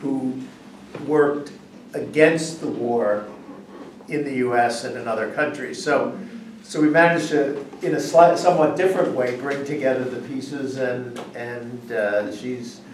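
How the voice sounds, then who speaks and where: A man acting as moderator, introducing the next speaker in a halting way with restarts. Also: medium pitch, steady tone. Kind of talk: conference introduction. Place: conference hall. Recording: roomy hall, distant mic, background hiss.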